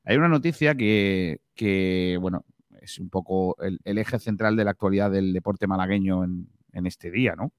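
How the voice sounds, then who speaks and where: Low-voiced man hosting sports radio. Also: normal speed, no echo, studio quality. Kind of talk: casual, conversational radio presenting. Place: stadium press room.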